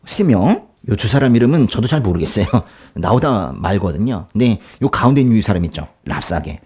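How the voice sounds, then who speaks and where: A man preaching a sermon as pastor, explaining scripture in a lively, conversational way, acting out quoted lines and laughing now and then. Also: medium pitch. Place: church.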